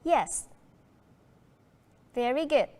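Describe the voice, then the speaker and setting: A woman with a Vietnamese accent runs a primary school English lesson, mixing English with Vietnamese and speaking in a slow, clear way. Her voice sits high with lively intonation and a darkish tone, and the recording has a big-room sound.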